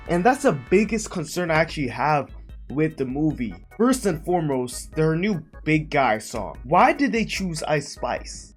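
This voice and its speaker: A man giving casual reaction commentary, earnest and lecturing, slowing down to stress key words. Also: on the high side. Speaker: online commentator.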